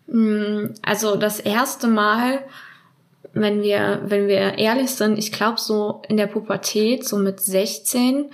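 Woman, 27, group leader, higher voice, reflective interview guest. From near Trier, Germany. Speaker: self-help group leader. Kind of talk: interview answers.

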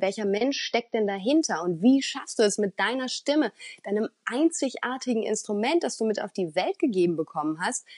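A woman voice coach who talks earnestly and expressively as an interview guest, with the odd filler pause. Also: mid-range voice, darkish tone, no echo, clean studio sound. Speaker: voice coach and speaker.

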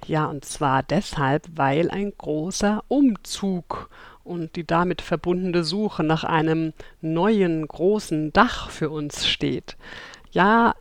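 A woman's voice: low-pitched, takes it slowly, no room sound. A woman in her thirties from Berlin hosting a self-help podcast, talking chattily and directly to her listeners with light laughs. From Berlin, Germany. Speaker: podcast host. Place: room with open windows.

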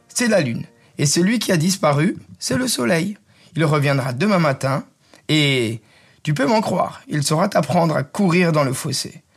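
A man's voice: on the high side, slightly rough, pitched above the performer's own voice. A man voicing an old chained guard dog who lectures and reminisces in a know-it-all manner in a storybook tale. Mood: lecturing.

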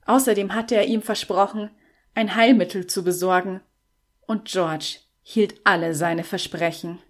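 A woman narrating a fantasy audiobook in a measured storytelling style. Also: medium pitch, steady tone.

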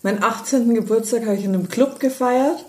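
A woman's voice: a little high, quick pace. Chatty woman telling anecdotes. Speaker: podcast co-host. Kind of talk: casual chat.

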